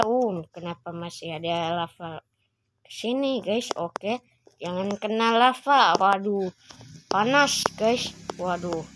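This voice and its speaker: Chatting to viewers she calls "guys," a woman running a gaming channel gives let's-play commentary full of exclamations, especially "waduh" and "aduh." Her voice is medium-pitched, with slight background noise.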